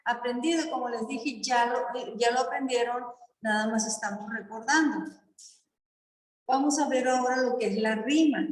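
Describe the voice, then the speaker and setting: A woman teaching a primary school class, her rather high voice moving at an unhurried, deliberate pace. She breaks up her explanations with short checking questions to the children. The classroom is echoey, with a long trailing reverb. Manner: slow, patient explaining with frequent checking questions. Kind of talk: classroom lesson on poetry.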